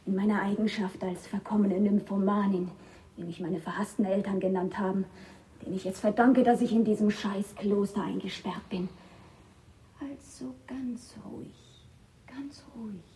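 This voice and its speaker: A woman's voice: mid-range voice, fairly even intonation, normal speed, natural voice. A woman playing a brazen, whispering blind nun. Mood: seductive. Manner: hushed, teasing, often whispering.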